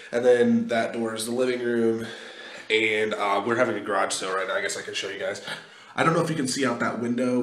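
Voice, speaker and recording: A man's voice: lowish voice, a bit bright, a little hiss or hum. A young man talking casually to his viewers in a vlog, recorded on a phone in an echoey indoor space. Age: young adult. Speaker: video blogger. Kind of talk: casual vlog talk to camera. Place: small echoey indoor walkway in a house being moved into. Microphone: phone at arm's length.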